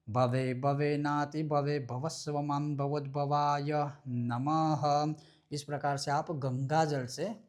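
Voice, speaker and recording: A man explaining a prayer-bead ritual step by step, in a measured way that repeats phrases, chanting syllables and mantras slowly. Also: medium pitch, darkish tone. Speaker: ritual teacher.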